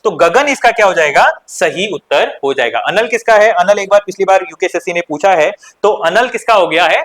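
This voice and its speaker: A man's voice: high-pitched, lively intonation, brisk, fairly bright tone. A young adult man teaching an exam-prep lesson, addressing students as children and answering his own questions.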